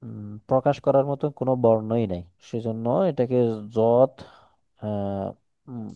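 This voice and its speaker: A man's voice: mid-range voice, measured pace, no echo, phone-quality sound. A man with a Chittagong Bengali accent teaching Quran letters one on one, explaining patiently with repetition and examples.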